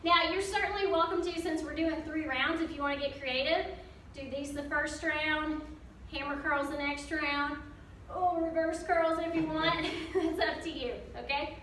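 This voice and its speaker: A woman's voice: high voice, fairly even intonation, moderate pace, a bit bright. A woman coaching a workout as an aerobics instructor, giving informal, encouraging form cues. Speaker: fitness coach. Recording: very echoey room, distant mic, faint noise.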